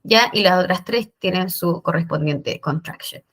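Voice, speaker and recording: A woman's voice: lowish voice, moderate pace, a bit bright. A woman teaching English grammar in a recorded lesson, explaining step by step with patient checks.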